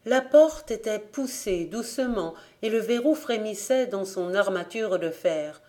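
This volunteer narrator is a woman recording a classic novel for audiobook. She reads with steady, measured literary pacing at a medium pitch.

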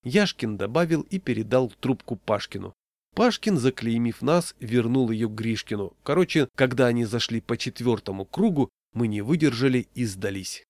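A man reading a humorous story aloud in a deadpan manner. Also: mid-range voice, normal speed, dry recording. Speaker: reader.

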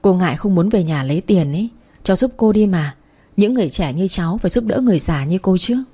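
A brash, talkative old aunt from a storybook, blunt and quick to scold, as a woman reader puts her on. The voice sits low and mellow, never sharp or bright. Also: lively intonation, slightly rough. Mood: wheedling.

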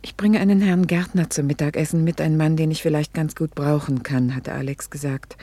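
A wistful, reflective middle-aged wife in an intimate radio play confides her self-reproach, a little vain, with hesitant pauses trailing toward a whisper. Her deep voice is soft, dark and husky, with fairly even intonation. The recording is dry and close, with no echo.

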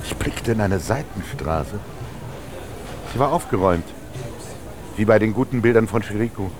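This introspective radio monologue has an actor playing a solitary young scribe reflecting as he roams rainy Munich, thoughtful in mood and dry and literary in style. He speaks at normal speed in a lowish voice with lively intonation, and noise sits in the background.

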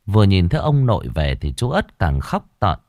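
A man narrates a ghost story in a very deep voice that rises and falls dramatically. His delivery is suspenseful, and the recording is dry and close with no room sound. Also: big pitch swings, a little fast, a little mellow, no room sound.

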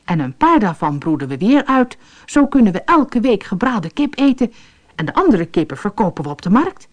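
A woman voicing a boastful, greedy poor man, excited and grandiose. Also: medium pitch, moderate pace, pitched above the performer's own voice.

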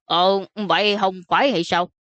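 A woman voicing a vain, plump older prince who grumbles in a slow, huffy way. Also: on the low side, fairly even intonation, fairly bright tone, dry recording, highs cut off, close to an everyday voice. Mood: grumpy.

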